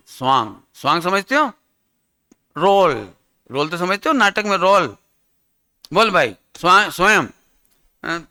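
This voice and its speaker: Male Jain teacher, higher-pitched, lively and interactive sermon delivery, acts out examples. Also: clear, resonant tone. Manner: animated, quizzes the audience, acts out scenes.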